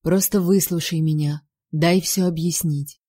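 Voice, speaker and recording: A woman voicing a remorseful king who pleads with her in a hoarse, insistent way. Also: on the low side, steady tone, measured pace, warm tone, no echo, clean studio sound.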